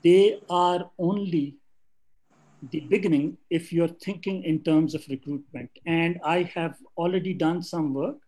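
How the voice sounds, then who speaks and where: An older man with a Pakistani accent gives an off-the-cuff panel talk, making emphatic points with hesitant pauses. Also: a little high, mellow, poor audio. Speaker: civil service academic and guest speaker. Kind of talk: extempore panel talk on video call, mixing English and Urdu.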